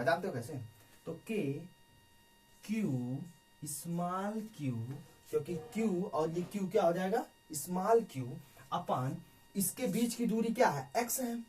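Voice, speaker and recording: A man's voice: high voice, darkish tone, far from the mic. A male teacher explaining a physics problem at the board, constantly asking rhetorical questions and checking in with his students. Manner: keeps asking rhetorical questions and adding "ठीक है ना". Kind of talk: physics lesson worked on a board.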